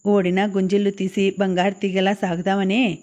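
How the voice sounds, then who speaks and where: A woman's voice: medium pitch, flat delivery, moderate pace, a little mellow, natural voice. Jovial teasing brother-in-law, read by a woman.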